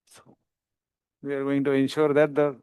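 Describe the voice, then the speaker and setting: A man's voice: mid-range voice, monotone, moderate pace, a little mellow, clean tone, no echo, studio quality. A man with an Indian accent giving live surgical commentary as the operating surgeon, with terse, clipped instructions to assistants.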